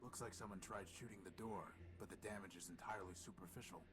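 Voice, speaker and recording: An actor playing a weary male robot hero in a video game, with a dry, deadpan delivery. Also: low-pitched, fast talker, natural voice.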